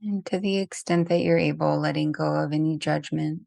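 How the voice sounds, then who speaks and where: A meditation teacher guides a session in a lowish, softly even voice with little rise and fall and some vocal fry. Her gentle phrases are separated by long pauses, and the close, very dry sound has no room echo.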